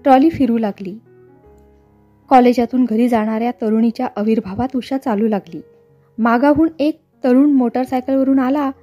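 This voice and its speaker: A woman narrating a novel aloud in a steady storytelling manner. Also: a little high, moderate pace, dull audio. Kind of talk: novel reading. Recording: faint background music.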